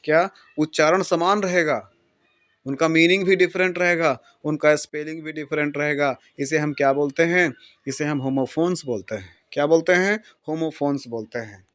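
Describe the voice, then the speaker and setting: A man teaching English grammar for exams, slowly dictating example sentences, repeating them and quizzing his students. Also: fairly high pitch, a bit bright. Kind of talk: exam-prep lesson explaining in Hindi.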